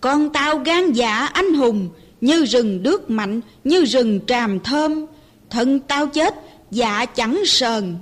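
A woman voicing a defiant old peasant mother who shouts back at soldiers, declaiming in verse. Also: high voice, lively intonation, slow pace, full character voice. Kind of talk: poetry recitation.

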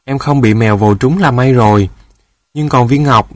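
A man voicing a kind older dove in a storybook tale who comforts gently. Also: mid-range voice, normal speed, dry recording, clean studio sound, close to an everyday voice. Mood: soothing. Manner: soothing.

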